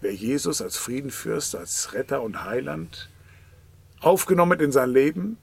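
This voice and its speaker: A man's voice: mid-range voice, big pitch swings, normal speed, gravelly, husky. A man preaching a sermon, emphatic, often dropping to a whisper at the end of a phrase.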